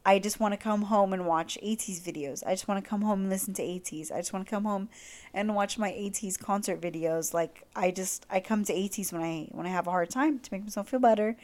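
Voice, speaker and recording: A woman's voice: medium pitch, brisk, darkish tone. A young woman talks straight to her listeners in a loose, casual monologue. She gushes and rambles, leaning on "like" and "um" as she tells her story. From Latin America. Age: young adult. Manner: gushing, heavy use of "like". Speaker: podcast host.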